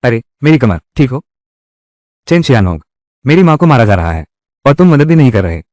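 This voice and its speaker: A man's voice: mid-range voice, very animated, brisk, a little mellow, no room sound, studio quality. A man dubbing all the roles of a drama, with heated, quarrelsome delivery.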